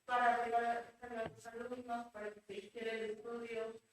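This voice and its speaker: A woman's voice: fairly high pitch, little pitch movement, moderate pace, soft background music. A young woman from the audience, speaking hesitantly with many fillers. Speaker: audience member. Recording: very echoey room, far from mic, faint noise.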